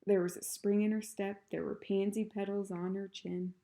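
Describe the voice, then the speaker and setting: A woman reading a children's book aloud in a calm, even storytelling manner. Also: mid-range voice, moderate pace, vocal fry. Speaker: reader.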